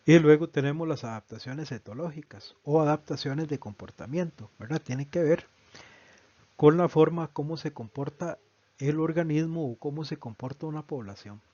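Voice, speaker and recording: A man walks through a biology lesson patiently, often ending points with a checking question. His voice sits slightly high. The recording is dry and a bit dull and lo-fi. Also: normal speed, mellow, dry recording. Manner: patient, explanatory, often asks a tag question. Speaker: biology teacher.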